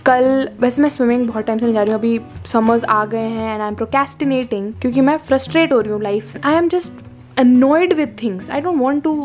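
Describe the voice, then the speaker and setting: A young woman from India rambling through a casual late-night vlog monologue, mixing Hindi and English and swearing casually, lying on the floor at home and talking to her phone camera. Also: sits high. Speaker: vlogger. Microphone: phone camera up close.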